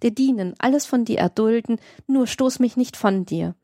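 A woman's voice: fairly high pitch, moderate pace, dark tone, no room sound, studio quality. A woman voicing an imploring young man in a passionate love scene of an audiobook. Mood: fervent. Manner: fervent, imploring. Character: passionate pleading young male lover.

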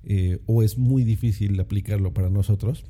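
A man hosting his own podcast in a relaxed, rambling way, full of fillers and "¿no?" tag questions, on a condenser mic. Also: fairly low pitch, normal speed. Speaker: podcast host. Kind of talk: casual solo podcast talk. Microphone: condenser microphone.

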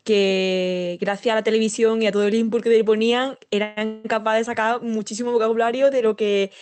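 A woman researcher as an interview guest, reporting what others told her in a steady flow. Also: on the high side, clear, resonant tone, faint music behind. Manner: reports others' views in a level, rapid flow. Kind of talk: conversational interview.

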